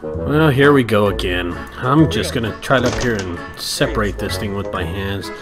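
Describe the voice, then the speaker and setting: A man narrating his work vlog as a voice-over, telling the story in an animated, joking way. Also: lowish voice, normal speed. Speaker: junk removal business owner. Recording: voice-over with loud background music.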